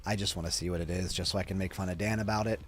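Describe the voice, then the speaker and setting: A man's voice: sits low, steady tone, very fast. A man hosting a casual reaction vlog, tired and drowsy, rambling and swearing casually. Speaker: reaction video host. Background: faint music.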